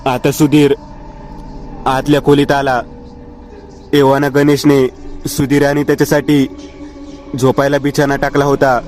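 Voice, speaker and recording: A male storyteller reading a horror tale in a steady, measured way. His delivery is notably flat, with a middle pitch, and faint music plays beneath him. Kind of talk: scripted horror story narration.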